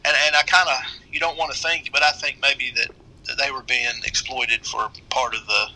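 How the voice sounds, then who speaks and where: Middle aged guy w appalachian accent, real sharp bright voice, casual halting storytelling. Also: medium pitch, level tone, poor audio. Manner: halting, rambling delivery. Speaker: guest storyteller.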